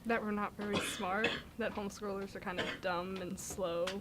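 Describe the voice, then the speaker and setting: A woman's voice: medium pitch, steady tone, moderate pace, background noise. An eighteen-year-old woman, a graduating homeschool student, giving dry, self-deprecating interview answers.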